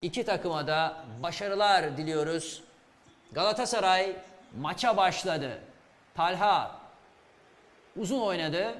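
Excitable guy calling a football match live, really high voice, big echoey hall. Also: a little slow, long pauses, noisy background. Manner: excitable, shouts at goals and chances. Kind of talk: live play-by-play commentary. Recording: reverberant hall sound.

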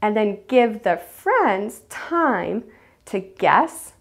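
Animated woman teacher, slow and lively. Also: mid-range voice. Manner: animated, acts out children's voices. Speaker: preschool teacher. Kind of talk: teaching demonstration.

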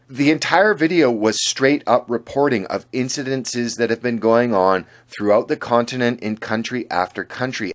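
A man reading scripted commentary as a channel host, sardonic and indignant in manner. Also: mid-range voice. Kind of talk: scripted political commentary voice-over.

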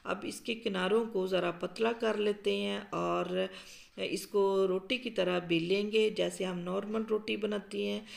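Gravelly-voiced woman explaining a recipe. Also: medium pitch, a little slow. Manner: calm, explanatory, with frequent um fillers. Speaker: cooking show host. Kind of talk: step-by-step cooking instructions. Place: home kitchen.

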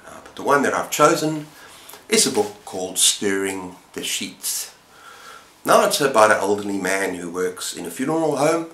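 This book reviewer and channel host, a man in his fifties, has a fairly low, sharp voice with a sing-song quality and a normal pace. Talking to camera in a small room full of bookshelves, he rambles a bit in his casual, enthusiastic chat about books, and the sound is echoey with a little background noise.

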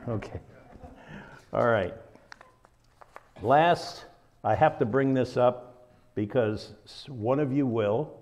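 A man's voice: mid-range voice, extremely slow, pauses often, darkish tone. A man with a Southern American accent teaching a Bible study in a conversational, folksy way, full of asides.

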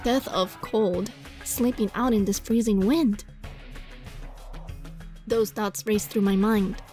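At a medium pitch and taking her time, a woman reads a visual novel aloud for a gaming video, dramatizing it expressively. She adds casual, giggly reactions over game music.

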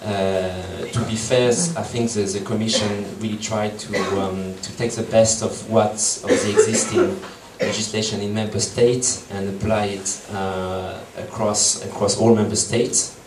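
Unhurried and fairly even in intonation, with few pauses, this lowish-voiced man is in his thirties, has a French accent, and speaks French and Portuguese as first languages. His talk to an audience in a meeting room is hesitant, full of ums and restarts. A far room camera captures echo and a noisy background.

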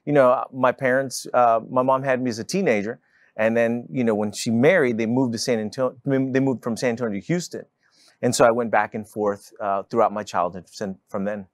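A man, a guest telling stories in a studio interview, quick and witty, lapel mic. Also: mid-range voice, dry recording. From Texas. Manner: quick, witty, animated storyteller. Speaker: guest, public speaker. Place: city studio set with sofa chairs.

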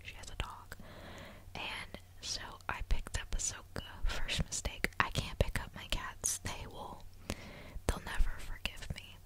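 A woman in her twenties softly whispering an ASMR vlog very close, right in your ear, chatting casually in a rambling, confiding, hesitant way. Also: unhurried. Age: 20s. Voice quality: soft unvoiced whisper. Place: small dim room at home, indoors. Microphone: desktop condenser microphone very close to the mouth, binaural.

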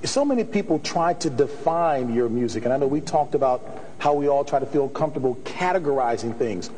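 A middle-aged man hosting a studio talk on a stage, asking his questions in a formal, measured way. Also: medium pitch, expressive, warm tone, long reverb tail, slight background noise, poor audio. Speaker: host.

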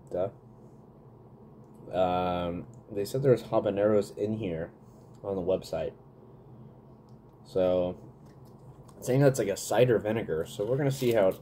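A man in his thirties chats casually through a food review, with a lowish, mellow voice. He hums between bites. The sound comes from a desk webcam in a small indoor room, with faint background noise. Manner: chatty, eating while talking, smacking and humming.

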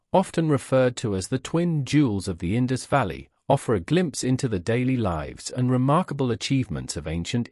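A man narrating a documentary script with measured, careful delivery. His pitch moves a lot, rising and falling through each sentence. The sound is close and dry, with no room around it. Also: darkish tone, no room sound.

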